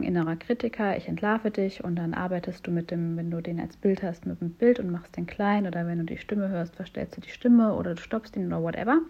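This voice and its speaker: A woman coach speaking directly to her listeners, encouraging and warm as she explains ideas step by step. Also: on the low side, husky, dull audio.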